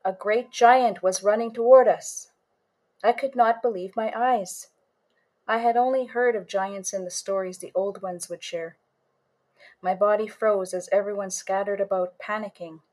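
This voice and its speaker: A woman author and storyteller reading a first-person story in a measured way, lingering on images. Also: medium pitch, steady tone, darkish tone.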